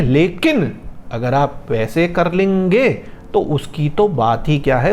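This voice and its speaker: A man teaching about scripture in a patient, explanatory way, slowly chanting mantras as examples. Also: high voice. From India. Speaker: spiritual teacher.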